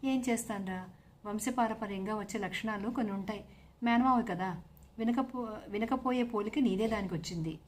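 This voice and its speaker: A woman voicing a patient, weary middle-aged mother who gently chides her brother. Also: mid-range voice, moderate pace, close to an everyday voice. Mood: teasing. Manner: calm, gently chiding.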